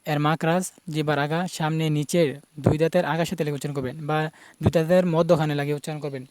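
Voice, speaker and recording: A man teaches pronunciation, repeating each sound slowly and patiently. His voice is smooth and a little high, with little rise and fall. The recording is close and dry. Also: steady tone, a little mellow, no echo. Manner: patient, repeats each Arabic letter sound many times. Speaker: Quran recitation teacher. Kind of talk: pronunciation lesson.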